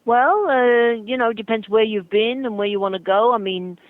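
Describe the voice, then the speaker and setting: A man's voice: sits high, moderate pace, no echo. An older man working as a travel agent, talking over the phone in a hesitant, flustered way with many fillers. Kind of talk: phone call. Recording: muffled dry phone line.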